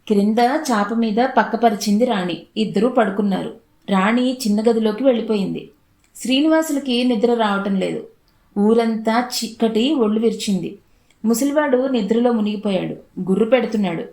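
A woman narrates an audiobook story at a steady, unhurried pace. Her voice sits slightly high. The recording has a noticeable room echo.

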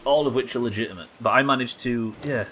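A fast-talking British streamer in his thirties has a medium-pitched, pushed and bright voice, captured in a rough recording with some hiss or hum. He rambles and swears through casual game commentary, questioning himself and chatting with viewers from a small indoor streaming room.

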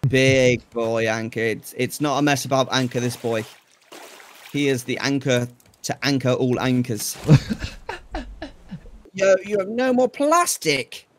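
A man's voice: medium pitch, expressive, takes it slowly, long pauses, a little hiss or hum. A man chatting casually and teasing his friend during a co-op game, laughing often. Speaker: co-op gamer, guest. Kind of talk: casual gaming chat.

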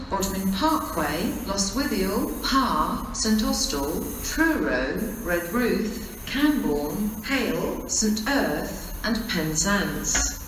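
A British woman making formal, automated train platform announcements in clipped pre-recorded phrases. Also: on the low side. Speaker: station announcer. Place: railway station, over public address speakers. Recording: echoey, distant station PA with background noise. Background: station ambience.

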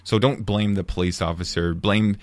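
A man with a very low voice talks as a podcast guest. He argues with passion and repeats words as he thinks. The recording is close and dry. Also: fairly even intonation, moderate pace, dry recording. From United States. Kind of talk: casual discussion.

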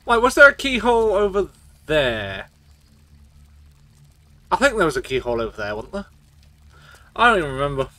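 A man's voice: a little high, very animated, normal speed, pauses often, bright, forceful tone, no echo. A man streaming a video game, swearing and rambling as he gets tipsy from shots. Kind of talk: casual gameplay commentary.

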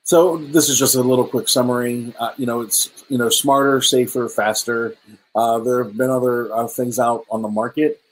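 With slight background noise and poor audio, a middle-aged man presents slides over a webcam video call at a virtual meetup, speaking from a room in his home. His mid-range voice has fairly even intonation and normal speed, and his delivery is casual and hesitant, with many ums and restarts.

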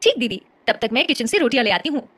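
A woman's voice: fairly high pitch, sing-song, fast talker, fairly bright tone, dry recording. A woman voicing a polite, helpful household maid. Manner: polite, eager to help.

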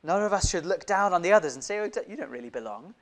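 A young man from Indonesia preaching in a church on a lapel mic. His voice sits a little high for a man, and he moves through the sermon with animated delivery and frequent direct questions to the listeners. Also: fast talker. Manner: animated, gestures broadly, many rhetorical questions. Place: church hall, indoors.

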